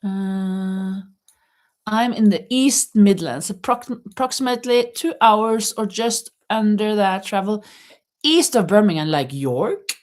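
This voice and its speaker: A middle-aged woman hosts a relaxed crochet livestream from her home in Spain, laughing a lot and reading viewers' comments aloud. Her mid-range voice is animated yet slow, with a slightly dark tone.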